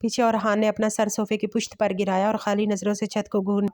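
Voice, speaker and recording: A woman storyteller narrating a romantic novel in steady bedtime-story reading. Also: medium pitch, fairly quick.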